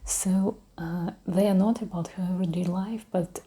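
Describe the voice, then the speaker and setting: A woman talks in a soft, breathy ASMR voice that often slips toward a whisper. Her tone is dark and mellow, a little low for a woman. She has a Russian accent and a gentle, hesitant, unhurried delivery. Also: steady tone. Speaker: ASMR creator. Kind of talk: soft-spoken ASMR talk.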